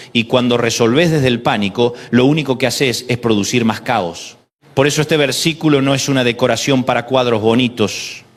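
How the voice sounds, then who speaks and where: A man preaching a devotional sermon in a Rioplatense Spanish accent, emphatic, with rhythmic repetition and slow dramatic pauses. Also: medium pitch.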